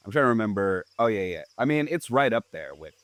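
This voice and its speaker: A man with a lowish voice talks through a film in relaxed, unpolished chat. He swears freely and slips into quick impressions of characters. The sound is dry and close, with no room around it. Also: no room sound. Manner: loose, swears freely, acts out film lines. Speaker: podcast co-host. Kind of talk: casual film discussion.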